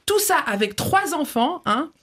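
A woman co-hosting a casual chat podcast, talking in a lively, slangy, enthusiastic way. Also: sits high, measured pace. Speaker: podcast co-host.

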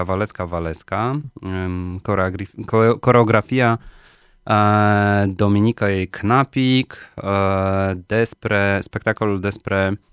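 A man answering as a guest in a live radio interview, halting as he searches for words. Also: deep voice, smooth, no room sound, clean studio sound. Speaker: studio guest, festival project coordinator and interpreter. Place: radio studio. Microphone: studio microphone.

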